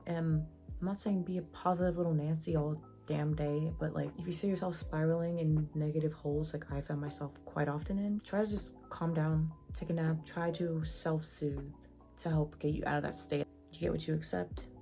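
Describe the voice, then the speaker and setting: Low, mellow young woman vlogging. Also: moderate pace, faint music behind. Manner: casual, slangy, sassy asides; says she sounds monotone. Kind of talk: casual advice vlog.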